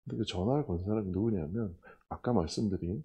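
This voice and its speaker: Speaking quickly in a lowish voice with a breathy edge, a middle-aged pastor shares a personal testimony during his sermon. He narrates in storytelling fashion and performs the other people's lines with animated shifts.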